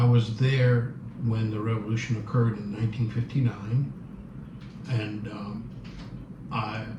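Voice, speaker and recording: A man in his seventies from Cuba, a native Spanish speaker, answering interview questions thoughtfully and searching for his words. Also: on the low side. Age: 70s. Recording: roomy, distant, dull, noisy.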